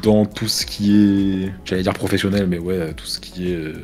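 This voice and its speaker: French guy, lowish voice, rambling casual gamer chat, faint music behind. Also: normal speed. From France. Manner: relaxed, rambling with many restarts. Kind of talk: casual chat while gaming.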